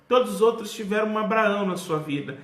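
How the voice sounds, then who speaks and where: A man's voice: high voice, quick pace, fairly bright tone, roomy sound. A man with a Brazilian Portuguese accent teaching a youth Bible lesson in a preacherly way, calling on his class for amens. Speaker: Sunday school teacher.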